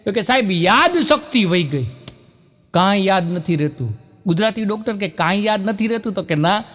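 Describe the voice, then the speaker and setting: Brief: stand-up storyteller, male, high-pitched lively delivery, live hall reverb. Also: moderate pace. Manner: lively joke telling, voices jumping higher for characters. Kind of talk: live Gujarati folk comedy storytelling.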